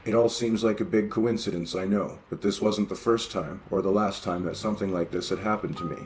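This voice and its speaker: A man with a very low voice narrates horror stories in a steady, even read. Faint music plays quietly beneath him. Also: brisk, rough recording. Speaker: story reader. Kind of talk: scripted horror story narration.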